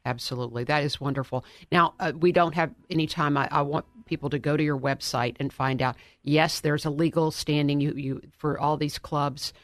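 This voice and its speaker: A man's voice: on the high side, steady tone, brisk, few pauses, no echo. A man hosting a radio interview, affirming his guest and encouraging listeners. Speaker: radio show host.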